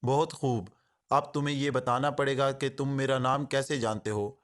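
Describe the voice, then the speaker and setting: Man voicing a sneering male gang boss, harsh, sarcastic, middle pitch, audiobook. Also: fairly even intonation, lightly acted.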